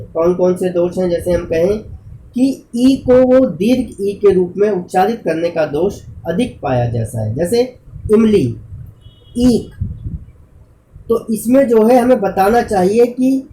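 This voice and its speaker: A man's voice: high-pitched, mellow, a little hiss or hum, rough recording. A man teaching a lecture, explaining step by step and sounding out examples.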